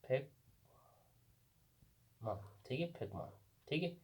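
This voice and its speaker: A man's voice: medium pitch, animated, takes it slowly, a little mellow. A man with a Pakistani Urdu accent teaching a language lesson at a board, patiently asking questions and answering them himself.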